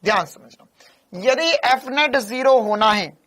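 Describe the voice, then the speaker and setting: A man teaching a physics lecture in an animated, teasing way, repeating key lines. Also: very high-pitched, unhurried. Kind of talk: classroom lecture.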